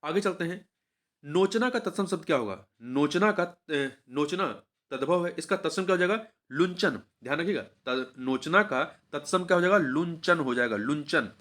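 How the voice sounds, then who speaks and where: A man's voice: on the high side, expressive, moderate pace, a bit bright. A male teacher going through an exam paper, repeating each answer and asking the viewer questions as he goes.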